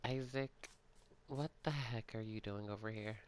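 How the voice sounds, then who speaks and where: A man playing out a role-play story in a game for his channel, soft-spoken and hesitant with many pauses, sighs and yawns. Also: lowish voice, heavy background noise. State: yawning, sleepy. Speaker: gaming channel creator.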